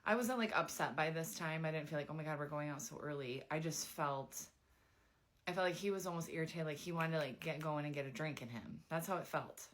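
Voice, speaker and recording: A young woman casually telling a dating story, chatty and animated, with lots of filler words. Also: low-pitched, brisk.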